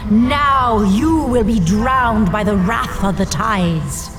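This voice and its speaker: A cruel female sea witch speaks as a disembodied voice that echoes from nowhere. She makes slow, drawn-out threats in a mid-pitched voice. Game music plays loudly beneath her. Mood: menacing. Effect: disembodied echoing voice, speaker unseen. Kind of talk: video game cutscene voice acting.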